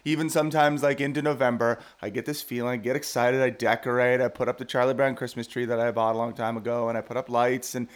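A man's mid-pitched voice. He chats casually as a podcast co-host, wry and self-deprecating in his comedy. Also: little pitch movement, quick pace, few pauses.

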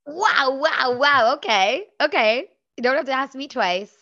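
A woman's voice: a little high, animated, moderate pace, sharp tone, no room sound, muffled recording. A woman playing a gushing slangy young girl. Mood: excited. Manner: gushing teen slang, giggly. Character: excitable slangy young girl, a super smeller. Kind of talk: improv comedy.

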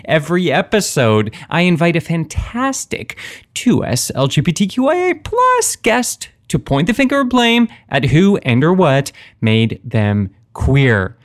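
A man's voice: on the high side, sing-song, a little slow. A man hosting a podcast in a playful, wry, self-interrupting way, mixing a scripted comedic intro with chatty asides. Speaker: podcast host. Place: basement away from usual home setup.

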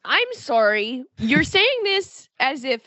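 A woman co-hosting a podcast in casual comedic banter, with playful deadpan sarcasm. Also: high voice, slow pace, dry recording. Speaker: podcast co-host.

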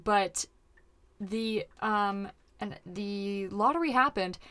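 A woman's voice: mid-range voice, slow, fairly bright tone, dry recording. A woman comedian hosting a casual chat show, talking in a slangy, exclamatory way with plenty of swearing. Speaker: podcast host, comedian.

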